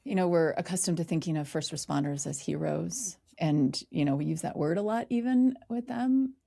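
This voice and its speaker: A woman hosting an interview, asking a guest measured, probing questions. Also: deep voice, creaky, warm tone. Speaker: interview host.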